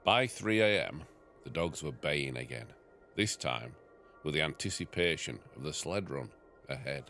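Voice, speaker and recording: A man's voice: a bass voice, lively intonation, moderate pace, bright, forceful tone, faint music behind. A farmer reading his family's memoir aloud in a wry storytelling manner.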